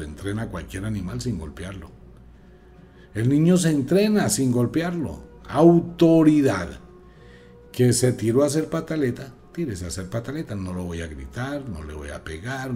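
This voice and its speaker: A man giving an emphatic, preachy radio talk as host, moving between loud and hushed delivery. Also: lowish voice. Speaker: radio host, magic teacher.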